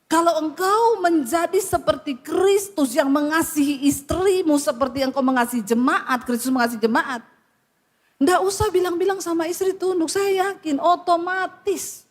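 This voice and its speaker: Very high-voiced scolding woman preacher. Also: normal speed. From Indonesia. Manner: blunt, scolding, telling stories with acted quotes. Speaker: pastor. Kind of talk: sermon.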